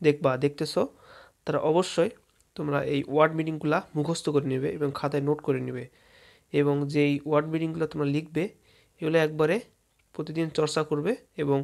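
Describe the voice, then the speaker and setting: With a gravelly, fairly high voice, a man whose first language is Bengali runs a casual lesson on English fruit names, spelling each word aloud letter by letter for his viewers.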